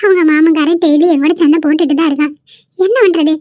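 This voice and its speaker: A woman's voice: sits high, fairly even intonation, fast, warm tone, no echo, lightly acted. A woman voicing a tearful elderly grandmother in a cartoon, pleading and worried. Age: older. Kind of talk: cartoon voice acting. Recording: muffled lo-fi recording.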